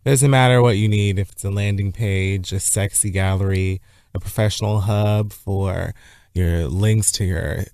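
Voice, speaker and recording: A man's voice: fairly low pitch, darkish tone, no room sound. A man co-hosting a podcast, chatting in a playful, campy way and swearing freely. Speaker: podcast co-host. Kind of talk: casual chat and ad read.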